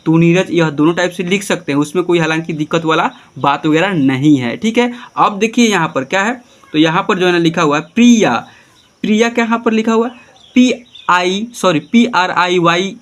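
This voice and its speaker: High-voiced man spelling out names. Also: normal speed, fairly bright tone. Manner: spells names out letter by letter, patient; keeps prompting "ठीक है, देखिए". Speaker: teacher. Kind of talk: classroom-style tutorial.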